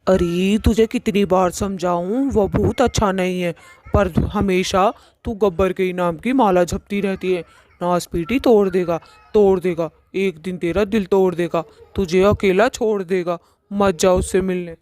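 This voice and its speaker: A woman's voice: medium pitch, steady tone, unhurried, a little mellow, lightly acted. A woman voicing a cranky, foul-mouthed mother witch in a cartoon, who scolds and curses. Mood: scolding. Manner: scolding, cursing insults.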